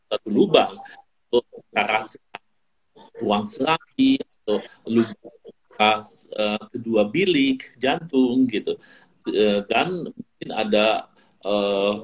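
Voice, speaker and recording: Male doctor, mid-pitched, hesitant; audio glitches and cuts out on a video call. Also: poor audio. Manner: hesitant, many filler sounds. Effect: choppy, breaking-up online call audio. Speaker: doctor answering panel questions. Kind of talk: online medical webinar talk.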